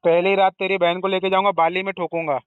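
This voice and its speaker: A man teases and insults a recovery caller in a crude way. His voice is high, smooth and dry over a tinny phone line. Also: flat delivery, quick pace, no echo, faint music behind. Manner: crude, teasing, abusive. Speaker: borrower being called.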